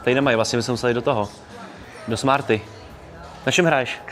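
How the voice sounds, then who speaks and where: Speaking at medium pitch in a steady, slightly bright tone, a young Czech-accented man livestreams from a shopping mall and jokes with fans in upbeat slang. Soft music plays in the background along with the crowd noise of the busy mall.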